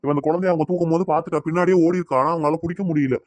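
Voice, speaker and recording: A man voices a dismissive husband and father in a homemade family drama. He talks very fast in a slightly high voice. The recording is dry and close. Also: fairly even intonation, no room sound, close to an everyday voice. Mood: explaining. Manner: brusque, dismissive then explaining. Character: calm father hiding daughter's whereabouts. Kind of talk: amateur family web drama.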